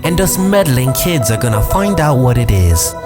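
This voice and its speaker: Dude doing a smart careful brit kid detective, bouncy tone, music under it. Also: male voice, mid-range voice, sing-song, voice pushed up, natural voice. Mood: determined. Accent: British, put on. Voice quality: sensible, measured. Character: clever, cautious young man sleuth.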